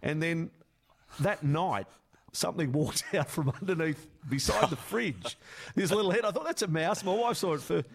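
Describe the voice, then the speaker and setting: An Australian man hosting a radio show, chatting casually and telling stories in an animated way. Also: on the high side, moderate pace, creaky, husky. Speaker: radio host.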